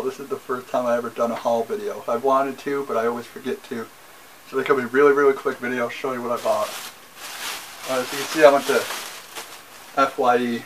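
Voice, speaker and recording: A man's voice: medium pitch, a bit bright, a little hiss or hum, rough recording. Young man rambling through a casual haul. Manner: rambling, repeats himself, frequent ums. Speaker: vlogger. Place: small bedroom, indoors. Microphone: camera mic, seated facing camera.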